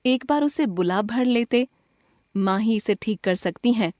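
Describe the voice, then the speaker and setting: A woman reads a school grammar lesson aloud from a script, going slowly and deliberately through lists of words with pauses between them. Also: a little high, expressive, darkish tone, no echo, clean studio sound. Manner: slow, deliberate list reading with pauses. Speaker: textbook narrator.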